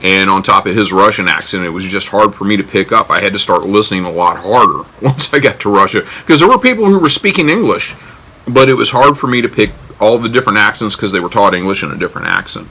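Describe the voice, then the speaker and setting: An American man with a low, gravelly voice recounts a personal story in a casual, wry way. His tone is bright and forward, and he pokes fun at himself as he goes. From United States. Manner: wry, self-deprecating, joking.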